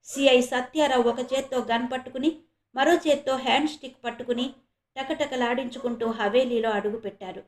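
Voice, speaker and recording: A woman from India reading a serialized horror novel aloud as a storyteller, steady and dramatic. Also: sits high, normal speed. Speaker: storyteller, channel host. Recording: roomy echo.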